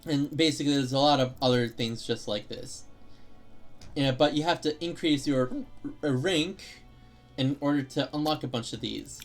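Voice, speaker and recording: A man's voice: medium pitch, moderate pace, soft background music. Young guy streaming, explaining game stuff, lots of uhs and restarts, hiccups a bit. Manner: rambling, explanatory, many fillers and restarts. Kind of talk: casual gameplay commentary.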